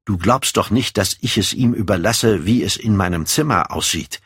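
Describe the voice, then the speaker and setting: A man's voice: fairly low pitch, moderate pace, a bit bright, breathy edge, no echo, clean studio sound. A man reading an audiobook, voicing a proud, secretive and volatile young man in a raised voice. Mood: evasive.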